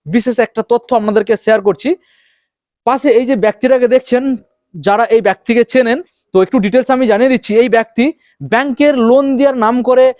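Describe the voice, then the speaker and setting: A man's voice: very high-pitched, fairly even intonation, fast, darkish tone, dry recording. A man with a Bengali accent hosting a promotional showroom vlog, delivering hyped sales patter and calling viewers his friends. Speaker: YouTube channel host.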